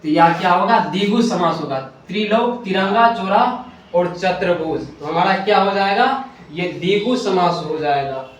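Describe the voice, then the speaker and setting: A man's voice: sits high, lively intonation, moderate pace. A man teaching a Hindi grammar lesson at a board, asking questions and answering them himself, often correcting himself. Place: classroom with a board. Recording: very echoey room, distant mic, faint hiss.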